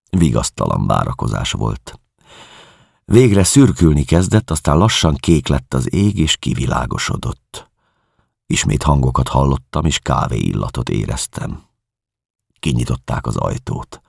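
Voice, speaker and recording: A man with a very deep, gravelly voice reads a novel aloud at a measured, calm pace. His tone has a husky grain and swings noticeably in pitch as he tells the story. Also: no echo, studio quality. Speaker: audiobook narrator. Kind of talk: audiobook reading of a novel.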